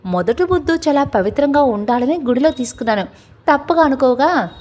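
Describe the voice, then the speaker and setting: A woman's voice: sits high, expressive, fairly quick, darkish tone. A woman reading out a love letter as a playful young woman, a secret admirer who teases the man she loves. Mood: teasing. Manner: playful, teasing.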